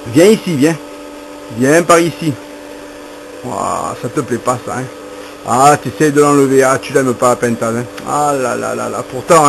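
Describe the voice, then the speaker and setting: A man chats in a slightly high voice, coaxing and teasing his pet in sing-song baby talk. Between asides to the camera he keeps up a playful, joking patter, with a faint hiss behind him. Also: fairly bright tone. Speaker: pet owner filming his bird. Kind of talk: playful home video chat.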